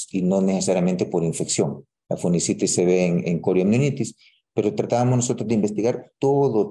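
A man with a Salvadoran accent presents a medical case to colleagues in a slow, halting way, leaning on fillers and restarting phrases. His voice sits low, with a very dark, mellow tone. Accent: Salvadoran Spanish. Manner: hesitant, many fillers and restarts. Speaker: physician presenting a clinical case.

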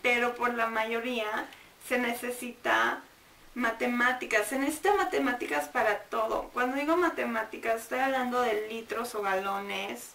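High-voiced woman teaching, echoey room. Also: fairly even intonation, a bit bright, recorded from a distance. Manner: drills words slowly, repeating and sounding them out. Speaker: English teacher. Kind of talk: bilingual grammar lesson.

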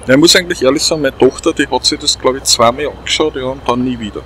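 A middle-aged Austrian-accented man hosts a gaming let's play, chatting casually over the game and repeating himself often. His mid-range voice is slightly bright and he talks at a rapid clip, with a little background noise.

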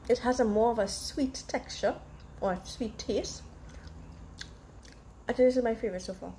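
A woman's voice: a little high, moderate pace, mellow, a little hiss or hum. A young woman reviewing food in a casual, chatty way while chewing mid-bite.

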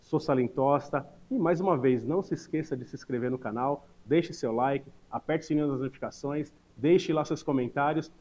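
A man's voice: mid-range voice, fairly quick, few pauses, a little mellow. A middle-aged man hosting an on-camera interview in a small restaurant bar, upbeat and chatty, with playful asides, on a lapel mic. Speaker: interviewer and show host.

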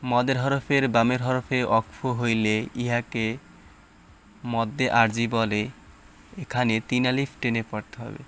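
A man's voice: mid-range voice, little pitch movement, slow pace, fairly bright tone, a little hiss or hum. A man teaching Quran reading, explaining rules and then sounding out letters and syllables one at a time. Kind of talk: slow step-by-step recitation lesson.

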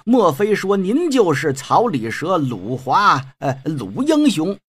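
A man's voice: a little high, wildly swooping pitch, slow pace, breathy edge, heavily acted. A man doing a stammering, fawning doctor. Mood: obsequious. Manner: nervous, stammering, obsequious. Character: timid, fawning male apothecary doctor.

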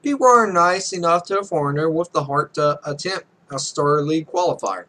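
Recorded noisily in a small home room, a man in his twenties plays a game for a let's play, reading its text and tossing out rambling, offhand comments. He sounds a little high, animated, a little fast, bright, and forceful.

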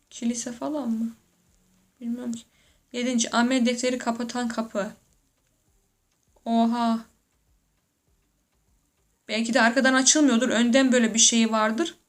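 A woman giving casual reaction commentary, joking, laughing often and exclaiming in slangy speech as she talks to herself. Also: fairly high pitch. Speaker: YouTuber reacting to photos.

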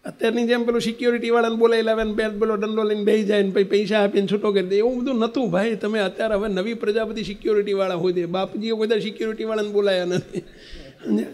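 A man's voice: high-pitched, fast. A man telling a devotional story in a sermon, acting out the dialogue and often asking listeners if they follow. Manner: animated storyteller, acting out dialogue, asks "understood?". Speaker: religious preacher.

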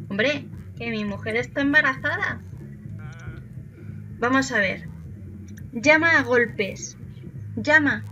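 A woman's voice: a little high, bright, forceful tone, slight background noise. A woman from Spain casually commenting on her life-simulation game and chatting to her characters. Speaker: gaming YouTuber. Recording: dull lo-fi sound.

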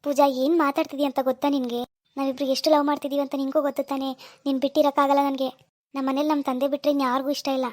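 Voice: sits high, flat delivery, rapid-fire, a little mellow, no room sound, clean studio sound, close to an everyday voice. A performer playing a young rich man's son who hid his wealth, coaxing and pleading with his fiancée on the phone. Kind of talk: amateur phone-call drama.

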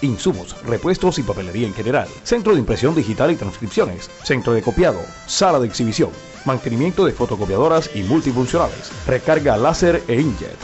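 A man with a Colombian Caribbean coast accent reading radio ads in a brisk, punchy sales delivery. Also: mid-range voice, very animated, darkish tone. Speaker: advertising announcer. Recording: lo-fi radio recording with music behind.

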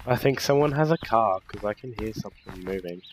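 A man's voice: on the low side, animated, a little fast. A young man hosting a casual gaming session, joking and teasing his friends with lots of swearing. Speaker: channel host.

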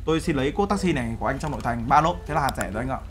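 A man's voice: mid-range voice, lively intonation, racing, a little hiss or hum, voice pushed down, natural voice. A man role-playing a boastful overseas-company boss in a game, brash and teasing. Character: boastful male overseas-Vietnamese CEO. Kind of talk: game role-play banter.

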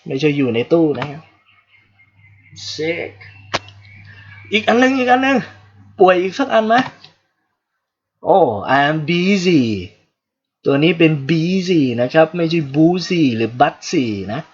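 A man's voice: on the high side, animated, slow pace, pauses often, highs cut off. A man from Thailand giving a casual livestream English lesson, joking asides to his viewers. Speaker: English teacher.

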